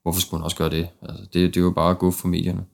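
A man's voice: low voice, monotone, creaky, darkish tone. A man in a casual football discussion, hesitating and repeating words as he thinks aloud. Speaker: football podcast panelist.

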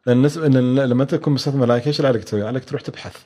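Fast-talking man, mellow voice. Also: medium pitch. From Oman. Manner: fast, hesitant, many fillers and restarts. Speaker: guest, venture capital expert. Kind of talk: conversational interview answers.

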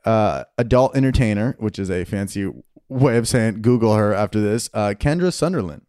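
Male podcast host, frat-bro banter, lively swooping delivery, dry close sound, voice slightly worn from yelling. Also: on the low side, moderate pace, clean tone, no room sound. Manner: frat-bro slangy, crude, swearing banter. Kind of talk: casual comedic banter.

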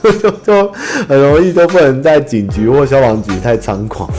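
Faint music plays behind a man with a Taiwanese Mandarin accent as he hosts a casual podcast, replying to listener letters in a rambling, self-deprecating storytelling style. He speaks at normal speed in a medium-pitched, darkish voice.

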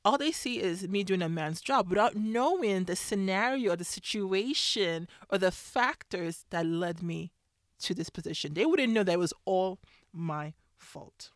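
A woman's voice: mid-range voice, lively intonation, measured pace, dry recording. Woman telling a personal story, dry sound. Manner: conversational, acts out quoted voices. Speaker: speaker sharing a faith-based marriage story.

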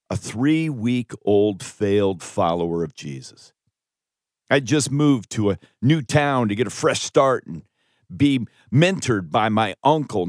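An author reads his own audiobook, a scripted first-person testimony, with earnest and dramatic emphasis. His voice is on the low side, and the recording is dry with clean studio sound.

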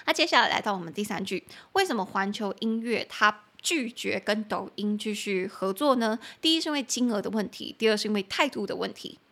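A young woman hosting a podcast lesson, explaining English phrases in chatty Mandarin and spelling words out slowly. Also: mid-range voice, expressive, a bit bright. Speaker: English teacher and podcast host. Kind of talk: bilingual language lesson.

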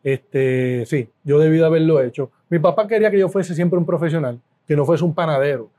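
A middle-aged man with a Puerto Rican accent, a food business owner telling stories as an interview guest, animated and repeating words for emphasis. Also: fairly high pitch, a little fast. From Puerto Rico. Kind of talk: casual interview storytelling.

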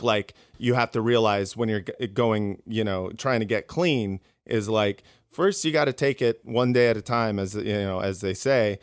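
A comedian guest in a casual interview, rambling with many fillers and restarts. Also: male voice, fairly low pitch, clean tone, dry recording, studio quality.

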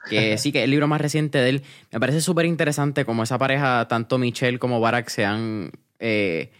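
A man's voice: mid-range voice, fairly quick. A man hosting an interview podcast, chatting casually and dropping English words into his speech. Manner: relaxed, mixes English words into Spanish. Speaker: podcast host interviewing an entrepreneur.

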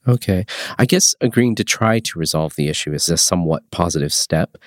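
A man's voice: sits low, animated, brisk, no room sound, studio quality. A man with a nasal, stuffed-up voice from a cold, presenting and interviewing as a podcast host.

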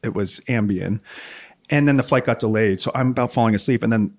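A man who is a guest on a podcast, telling animated travel anecdotes in casual chat. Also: on the low side, brisk.

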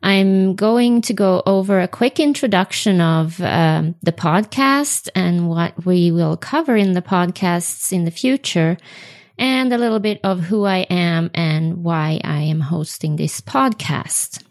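A woman in her forties with a Swedish accent hosts an unedited solo podcast, talking with frequent ums and self-corrections. Her voice is lowish and darkish in tone, and she speaks a little slowly.

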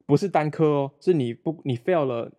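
A young Malaysian man, a former roommate appearing as a guest, chats casually over a remote call. Brisk and warm with a slightly high voice, he rambles, restarts often and jokes at his own expense.

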